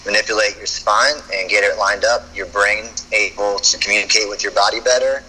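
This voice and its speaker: A man's voice: lowish voice, fairly even intonation, fairly quick, a crowd in the background, poor audio. A man, a chiropractor guest on a podcast, talking casually and often stumbling over repeated words as he starts a thought.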